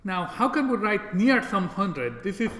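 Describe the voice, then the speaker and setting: High-pitched with big pitch swings and a bit of brightness, a man from Mexico lectures on programming at a measured pace. His classroom style is casual, often seeking agreement with short tag questions. It's recorded indoors in an echoey, reverberant room with background noise.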